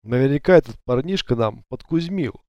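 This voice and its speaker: A spiteful, scornful bandit, as read by a man snaps and sneers at his crew. The voice is mellow and dark in tone, with a dry, close sound. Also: mid-range voice, lively intonation, a little fast, no echo, lightly acted. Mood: musing. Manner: scornful, curses.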